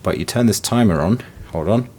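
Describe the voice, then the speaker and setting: A man's voice: lowish voice, lively intonation, a little fast, a little mellow, slight background noise. Wry young man vlogging. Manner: chatty and wry. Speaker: travel vlogger. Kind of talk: casual walkthrough to camera.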